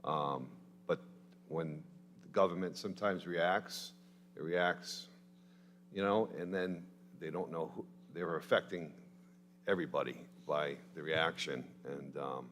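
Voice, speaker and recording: A man's voice: very deep voice, a little slow, a bit bright. A man on a town council answering a resident casually, with fillers like "you know". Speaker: council member. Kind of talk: town council meeting discussion. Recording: hall reverb with faint hum.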